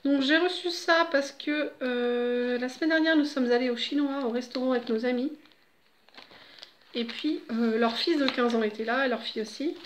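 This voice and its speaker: A woman's voice: high-pitched, moderate pace, slight background noise. A middle-aged woman at home, chatting casually and rambling with laughs and fillers. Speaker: vlogger.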